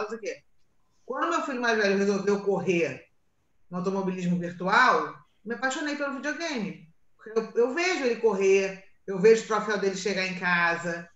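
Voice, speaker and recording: Animated woman on a roomy video call. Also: mid-range voice, highs cut off. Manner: animated storytelling, quoting her sons. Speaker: teacher and mother. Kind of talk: casual chat in an online meeting.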